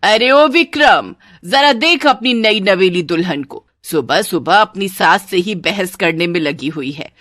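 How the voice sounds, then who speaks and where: Cartoon mother-in-law, bossy and scolding, played by a woman, low and loud. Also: measured pace, dry recording, studio quality. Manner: scolding, shouting at her family.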